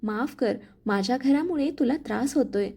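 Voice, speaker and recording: Lady reading a gentle young husband, calm and caring, highish mellow voice. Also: moderate pace, husky, heavily acted. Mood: calm tender. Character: kind protective young husband.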